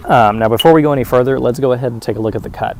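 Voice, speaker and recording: A man speaks in a medium-pitched voice, addressing viewers casually as a reviewer. He explains things step by step in a methodical way, with hesitant pauses along the way. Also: a little mellow, slight background noise. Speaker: pipe tobacco reviewer.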